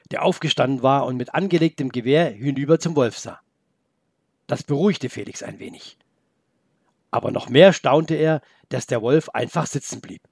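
A man narrating a children's story aloud in a gentle, expressive way. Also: mid-range voice, gravelly, slightly rough, no room sound, studio quality.

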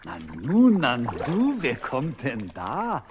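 A man's voice: medium pitch, wildly swooping pitch, slow pace, background noise. A man voicing a kindly old grandfather river in a children's audio play, speaking in a cosy, grumbling way. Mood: gutmütig. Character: alter gutmütiger Großvater Fluss, männlich. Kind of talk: Hörspiel für Kinder.

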